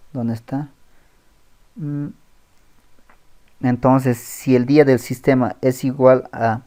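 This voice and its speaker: A man teaching a screen-recorded coding tutorial, thinking aloud as he types, pausing and correcting himself. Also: medium pitch, dark tone. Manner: thinks aloud while typing, with pauses and self-corrections. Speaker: programming tutor.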